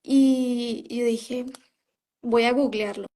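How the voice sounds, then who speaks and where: Taking her time, a woman with a fairly high, dark voice and a steady tone gives her testimony as an interview guest. She once belonged to a religious group and relates her experience conversationally, often quoting herself, with many "¿sabes?" and "o sea".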